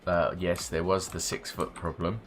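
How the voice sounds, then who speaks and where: A man's voice: deep voice, level tone, moderate pace, soft background music. A middle-aged man streaming a game, rambling wryly between asides and swearing casually. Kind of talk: casual gameplay commentary.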